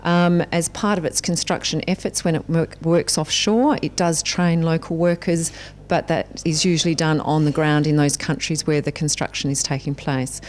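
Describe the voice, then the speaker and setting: A woman's voice: low-pitched, fairly even intonation, moderate pace, a little hiss or hum. A woman speaking for a company in a formal business interview, composed and often starting with an "um". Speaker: company spokesperson.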